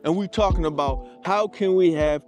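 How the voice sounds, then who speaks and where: A man's voice: sits high, normal speed, darkish tone, faint music behind. A man co-hosting a podcast, talking in an emphatic, preachy way with a sing-song lilt. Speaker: podcast co-host. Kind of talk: casual conversational discussion.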